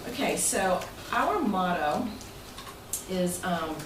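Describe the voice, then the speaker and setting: A woman with a lowish voice speaks slowly and expressively as club president, giving an informal, playful presentation at a meeting. She's chatty, jokes around and invites answers from the audience. The mic is distant, so the meeting room sounds echoey and noisy.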